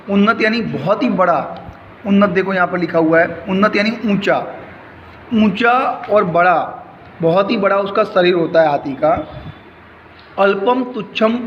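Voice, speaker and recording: A man with a high voice walks through a school lesson, repeating each word and its meaning in a slow, patient rhythm. The sound is dull and lo-fi, with a long reverb trailing behind him and faint noise underneath. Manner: slow, repetitive explaining, word by word. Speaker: school teacher. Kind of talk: recorded Sanskrit lesson explained in Hindi.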